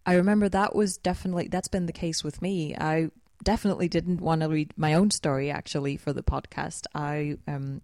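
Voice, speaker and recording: A woman's voice: low-pitched, darkish tone, no room sound. A woman co-hosting a podcast, chatting in a reflective way and laughing easily. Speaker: podcast co-host and editor. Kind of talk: casual podcast chat.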